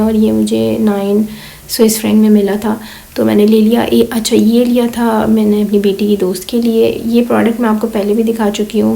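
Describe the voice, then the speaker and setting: A woman in her thirties from Pakistan, talking slowly through a casual vlog voice-over while hoarse and weak from illness, with many fillers. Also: on the high side, mellow, rough recording. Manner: slow, rambling, many fillers. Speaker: vlogger.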